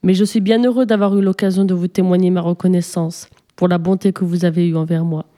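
A woman's voice: lowish voice, flat delivery, quick pace, dark tone, natural voice. A woman voicing a grateful male shark-man sea creature from a storybook, speaking in an earnest, reproachful way. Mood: joyful.

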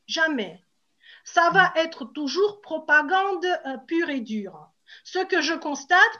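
Russian lady, high voice, slow n hesitant but emphatic explaining stuff, kinda muffled lo-fi audio. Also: bright, forceful tone. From Moscow, Russia. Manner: hesitant, emphatic, repeats key points. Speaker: ordinary citizen giving testimony in a panel discussion. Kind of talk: spontaneous explanatory discussion. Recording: dull lo-fi sound.

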